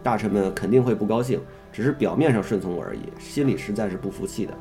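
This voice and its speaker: A man with a warm, mellow voice reads an old history text in a steady, unhurried way. He keeps stopping to ask questions and make casual remarks. Soft guitar music plays quietly behind him. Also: on the low side. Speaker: reader and explainer of a classical history text. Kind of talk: reading a classical text aloud and chatting about it.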